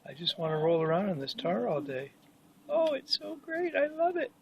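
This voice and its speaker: A man voicing his old house cat, overjoyed to be outside for the first time, in a high squeaky gushing voice. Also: sing-song, normal speed, vocal fry, crowd noise, full character voice, poor audio. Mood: blissful.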